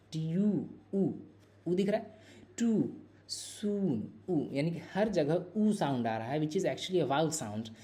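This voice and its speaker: A male teacher lectures an exam-prep literature class with a warm, mellow tone at a middle pitch. He mixes English terms into Hindi explanations, repeating key phrases and drawing out example words syllable by syllable.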